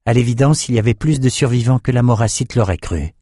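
A man narrating an audiobook in a steady, measured reading on a close mic. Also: mid-range voice, no room sound. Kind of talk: scripted narration.

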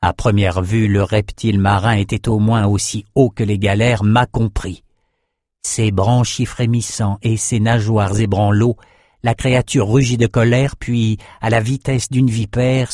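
Low-voiced male fantasy audiobook narrator. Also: fairly even intonation, measured pace, darkish tone, no room sound, studio quality.

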